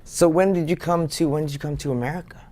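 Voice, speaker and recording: A man's voice: fairly high pitch, steady tone, fast, darkish tone. A man hosting a faith interview show, asking questions and encouraging his guest with short affirmations. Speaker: talk show host. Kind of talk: interview host.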